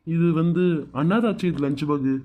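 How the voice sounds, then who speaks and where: Protective young husband voiced by a man, Bangalore Tamil accent, soft coaxing tone, mellow voice, cartoon serial. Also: on the high side, moderate pace, close to an everyday voice. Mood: concerned.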